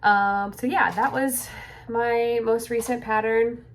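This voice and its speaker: A woman's voice: a little high, steady tone, slow pace, slight background noise. A young woman vlogging casually from a room at home, rambling with lots of fillers and slightly out of breath. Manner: rambling, chatty, filler-heavy. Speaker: crochet pattern designer vlogger. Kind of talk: casual vlog chat. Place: home room being cleared out.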